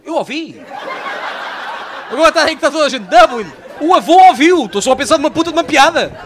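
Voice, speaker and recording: A young man with a Portuguese accent doing live stand-up, bantering loudly with the audience and swearing freely. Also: extremely high pitch, lively intonation, fast. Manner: loud, profane banter with the audience. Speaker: stand-up comedian. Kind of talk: live stand-up with crowd work. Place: comedy stage before a live audience. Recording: live show with faint crowd noise.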